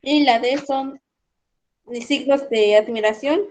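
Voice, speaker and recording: Woman student, fairly high voice, careful halting reader. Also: darkish tone, slight background noise. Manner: careful, halting reading aloud. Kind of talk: reading aloud in class.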